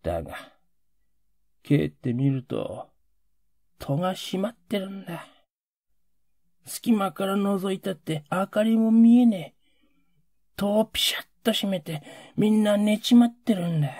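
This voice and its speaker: A man voicing a rough, emotional working-class Edo man who pleads in coarse old Edo street speech. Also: sits high, animated, unhurried, pauses often, darkish tone, no room sound, clean studio sound, pitched above the performer's own voice, heavily acted. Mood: wistful.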